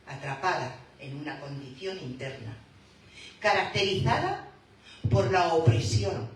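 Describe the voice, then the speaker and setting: A woman preaching a sermon in a church, slow and emphatic, rising to fervent calls. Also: deep voice, animated, slight background noise. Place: church hall. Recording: echoey hall, voice from far off.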